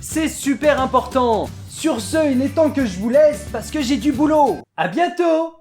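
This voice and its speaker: Cheerful chirpy robot host, voiced by a performer; high, bubbly, exclamatory delivery for a toy demo. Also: expressive, a little slow, a little mellow, soft background music. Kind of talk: scripted toy demonstration.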